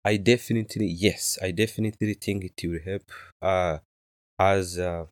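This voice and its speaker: A man in his thirties from Rwanda, a native Kinyarwanda speaker, answering interview questions softly and hesitantly with many fillers. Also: low voice, steady tone, moderate pace, no room sound, clean studio sound. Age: 30s. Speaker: interview guest.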